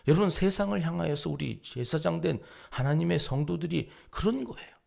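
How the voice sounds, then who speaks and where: A male pastor giving an early-morning sermon, dramatic, dropping to hushed whispers and rising to loud emphasis. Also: a little high, animated, fairly quick, creaky. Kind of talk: dawn service sermon.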